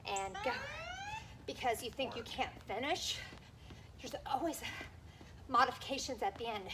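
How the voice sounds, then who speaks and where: A woman with a fairly high voice leads a workout like an aerobics instructor, calling out cues and encouragement while moving through the exercises herself. She is recorded outdoors, with clear ambient noise around her voice. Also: normal speed. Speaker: fitness instructor. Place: outdoors in a backyard garden.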